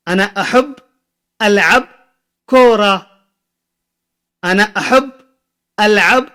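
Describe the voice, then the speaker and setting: A young man with a high voice teaches phrases in a patient lesson. He says each phrase slowly and repeats it several times before he gives its meaning. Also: a bit bright. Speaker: Arabic teacher. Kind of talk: explaining Arabic phrases.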